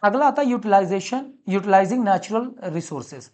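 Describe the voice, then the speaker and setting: A man teaching commerce in a classroom lecture, animated and coaxing, calling students son and checking that they have understood. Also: high voice, a little fast. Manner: calls students son, mixes English terms into Hindi.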